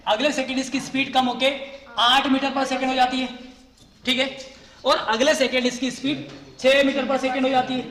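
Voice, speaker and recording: Male physics teacher, high voice, classroom lecture style, long room reverb. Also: pushed and bright. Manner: repeats questions and answers them himself, says "ठीक है" often.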